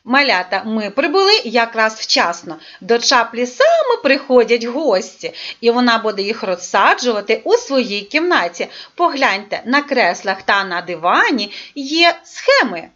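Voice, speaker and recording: A woman's voice: on the high side, very animated, a bit bright. A woman teaching a lesson to young children, coaxing them along and drawing out her words. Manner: sing-song, coaxing, drawn-out words. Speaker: preschool teacher. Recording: dull lo-fi recording.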